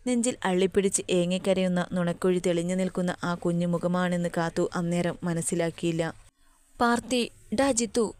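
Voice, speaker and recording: Woman reading a romance story slowly and emotionally, low voice, dry. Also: darkish tone, clean tone, no room sound. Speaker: story narrator. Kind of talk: scripted narration of a romance story.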